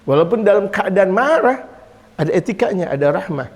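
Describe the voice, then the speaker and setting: A man preaching a sermon to a congregation, animated, moving between soft explanation and loud exclamations. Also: high-pitched, a little fast. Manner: lively, swings from quiet to loud, chuckles often. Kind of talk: Islamic sermon in Indonesian. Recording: long hall reverb.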